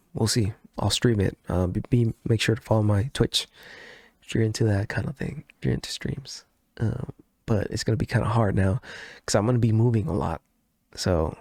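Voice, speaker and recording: A man with a congested, stuffy voice hosts a solo gaming news show in loose, rambling commentary. He corrects himself mid-sentence and swears without a second thought. His voice sits at an ordinary pitch and is recorded dry and close, with no room sound. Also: no room sound. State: sick and congested. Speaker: gaming news podcast host.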